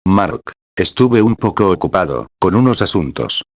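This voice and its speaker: Weary guarded young guy, read by a man, deep voice, muffled dry sound. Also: sing-song, moderate pace, no echo, full character voice.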